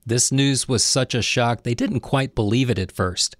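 A man's voice: mid-range voice, normal speed, no room sound, studio quality. A man narrating a comedy story in a wry, conversational way.

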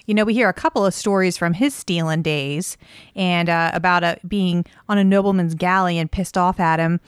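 A woman's voice: fairly low pitch, normal speed, clear, resonant tone, no echo, studio quality. A woman co-hosting a casual book discussion podcast, chatty and giggly, using casual slang. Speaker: podcast co-host.

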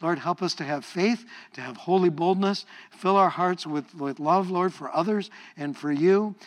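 At a moderate pace and with a high-pitched voice, a middle-aged man preaches as a pastor. He is lively and playful, repeating words often and guiding the congregation through call-and-response praise.

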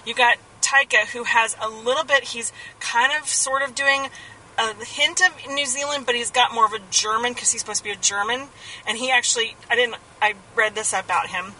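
An enthusiastic woman co-hosting a podcast in casual, chatty talk. Her voice is bright and a little high. She sits back from the mic, with faint noise behind her. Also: steady tone, moderate pace, far from the mic, low-quality recording. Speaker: podcast co-host. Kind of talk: casual chat.

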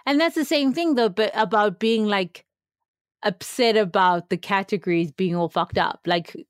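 A woman's voice: medium pitch, normal speed, no room sound, clean studio sound. A young woman with a South African accent co-hosting a podcast, chatting casually with plenty of fillers and laughter. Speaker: podcast co-host.

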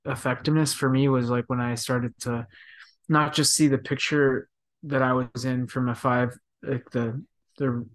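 Soft-spoken and thoughtful, a midfielder in his thirties answers questions in a casual interview, full of fillers and restarts. He talks at a normal speed with a medium pitch and a level tone.

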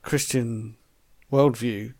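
A man with a mid-pitched voice co-hosts a casual film podcast. He weighs his ideas slowly, pausing often and filling gaps with ums, recorded dry and close. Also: fairly even intonation, darkish tone, no room sound. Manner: thoughtful, hesitant, many ums and pauses. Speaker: podcast co-host.

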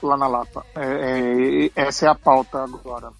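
Husky man reminiscing on a podcast. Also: medium pitch, level tone, normal speed, soft background music. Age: adult who bought his own games as a kid. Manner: rambling, reminiscing with restarts. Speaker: podcast panelist. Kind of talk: casual nostalgic chat.

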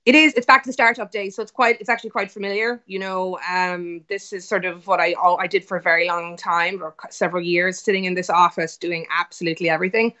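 A woman's voice: on the low side, fairly even intonation, fast, few pauses, sharp tone. A woman speaking casually and informally as an interview guest over a web call, explaining at length. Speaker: interview guest, whiskey business founder. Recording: dull web-call audio.

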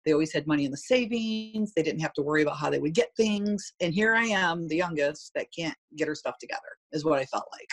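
A woman's voice: sits low, animated, fast talker, hardly any pauses. A middle-aged woman, a guest in an interview, telling a personal story candidly and animatedly.

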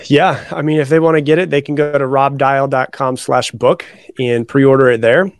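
A man's voice: medium pitch, flat delivery, normal speed, no echo. A man chatting casually as a podcast guest, informal, repeating and rephrasing as he explains. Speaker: podcast guest, author and coach. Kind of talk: casual interview chat.

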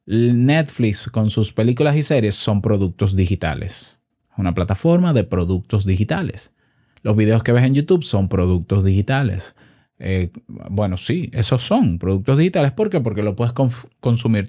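A man from the Dominican Republic, with a Dominican accent, hosts an informal online business explainer. His voice is mid-range and warm, and he teaches didactically by posing questions and answering them himself.

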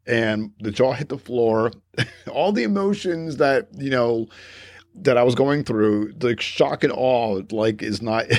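Recorded with studio quality and no room sound, this medium-pitched male podcast host keeps things casual. His talk wanders, packed with fillers and corrections of himself, and he frequently breaks into laughter mid-story.

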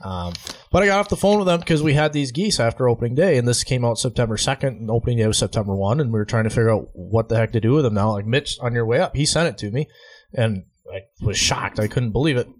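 Male co-host, mid-pitched, earnest, explanatory, filler-heavy chat on a handheld recorder. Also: quick pace. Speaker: podcast co-host. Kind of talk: casual chat. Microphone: portable recorder.

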